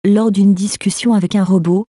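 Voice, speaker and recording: A woman voicing a calm female AI voice assistant, speaking with a slightly robotic, synthetic-sounding voice and explaining things in a polite, measured way. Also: medium pitch, slightly rough, no room sound, lightly acted. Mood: informative.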